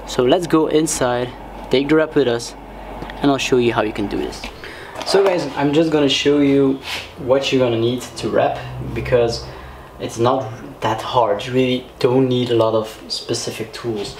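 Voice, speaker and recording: A man's voice: mid-range voice, fairly even intonation, moderate pace. A man hosting a DIY video, casually explaining things step by step in a conversational way. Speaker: host of a DIY car series. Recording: roomy echo, clear background noise.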